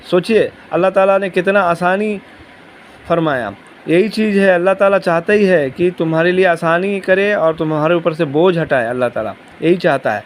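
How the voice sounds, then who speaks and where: A man's voice: high voice, slight background noise. A man teaching a Quran commentary lesson, explaining patiently, asking the listeners questions and repeating key words. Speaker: religious teacher.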